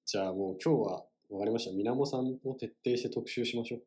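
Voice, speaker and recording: A man's voice: medium pitch, fast, dark tone. A young man co-hosting a casual podcast chat, joking politely and running little quizzes. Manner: polite, joking, quiz-giving. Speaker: podcast co-host.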